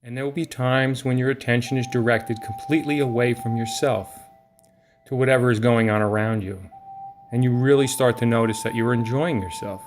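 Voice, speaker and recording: A man guides a relaxation meditation in a soothing, lulling way, speaking short phrases separated by long pauses. His mid-range voice stays steady over music.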